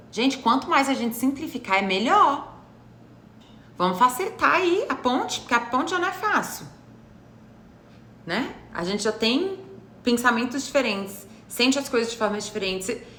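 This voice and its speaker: With a fairly high, fairly bright voice, this psychologist with a Brazilian Portuguese accent explains things live in a teacherly way, frequently making sure her audience keeps up. Roomy echo and faint noise fill the recording.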